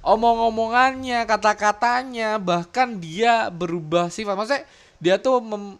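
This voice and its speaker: A podcast host with a high, unhurried voice runs a casual show, reading comic panels aloud. He's excitable, swears a lot as he gets worked up, and slips into dramatic readings.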